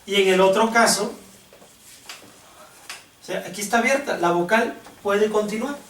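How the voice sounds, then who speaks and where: A man teaching a classroom lesson, slow and patient, often checking whether the class understands. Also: high-pitched, fairly bright tone. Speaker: Hebrew teacher. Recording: echoey room, distant mic, faint hiss.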